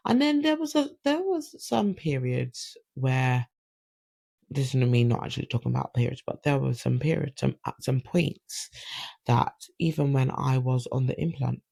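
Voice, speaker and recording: A woman hosting a solo podcast, telling stories in an animated, chatty way. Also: very deep voice, normal speed, gravelly, husky, dry recording. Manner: chatty, animated, acts out quoted dialogue. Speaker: podcast host. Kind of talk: casual solo podcast storytelling.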